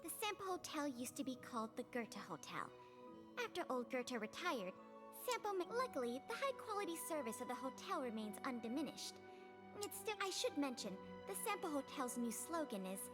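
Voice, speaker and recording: A woman's voice: sits high, very animated, normal speed. A woman voicing a polite, dutiful hotel greeter with a promotional delivery in a video game. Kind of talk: English video game voice acting. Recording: music behind the voice.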